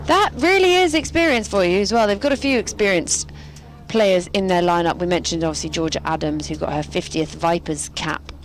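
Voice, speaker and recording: A woman's voice: fairly low pitch, fairly quick. A woman co-commentating on a cricket match from a commentary box, giving chatty analysis of the players with light jokes. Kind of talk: sports colour commentary. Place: commentary box at a quiet ground.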